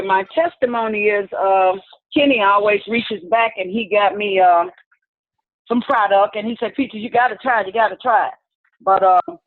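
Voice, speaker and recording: A woman's voice: mid-range voice, no echo. An older woman caller telling her story in a chatty way and acting out what people said. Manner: chatty, storytelling, acts out quotes. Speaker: caller giving a testimony. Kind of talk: casual spoken testimony. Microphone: phone call into a video meeting. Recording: dry tinny phone line.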